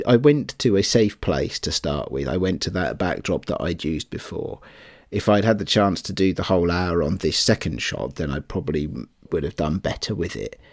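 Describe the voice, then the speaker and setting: A man chatting casually as a podcast panelist, halting and repeating his words, with a self-deprecating way of talking. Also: low voice, gravelly, no echo, studio quality. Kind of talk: casual chat.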